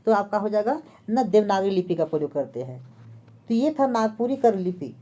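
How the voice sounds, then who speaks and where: Woman teaching exam prep, keeps repeating answers, soft dark tone, muffled lo-fi audio. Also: medium pitch, expressive, moderate pace. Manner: asks a question and then answers it herself, repeating key terms. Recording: dull lo-fi recording.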